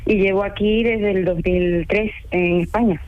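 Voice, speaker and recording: A woman from Ecuador speaks with an Ecuadorian Spanish accent, at a middling pitch. She talks at length, earnest and chatty, laughing easily. Her voice comes through a dull, muffled phone line. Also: fairly even intonation, unhurried. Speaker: caller, home care assistant. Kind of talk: phone-in radio interview.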